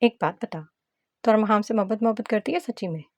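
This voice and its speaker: A woman's voice: mid-range voice, fast, no echo, natural voice. Audiobook: a woman playing a cocky young gangster husband, mocking street slang, dry close sound. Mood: probing.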